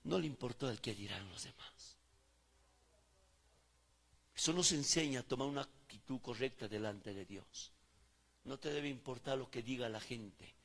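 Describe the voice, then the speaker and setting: A man preaching a fervent sermon, swinging between loud calls and hushed words. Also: mid-range voice, long reverb tail. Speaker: pastor.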